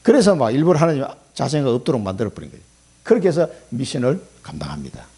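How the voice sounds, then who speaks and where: Gravelly, husky-voiced male pastor preaching. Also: medium pitch, big pitch swings, quick pace. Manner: emphatic, folksy preaching with sudden loud and soft swings. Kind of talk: sermon.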